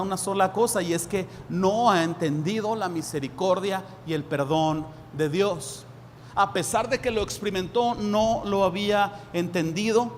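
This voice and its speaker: Man, pastor preaching, lively acted dialogues, long hall echo. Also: sits high. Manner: acts out lively dialogues with raised voice. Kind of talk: sermon. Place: church hall. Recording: reverberant hall, faint room noise.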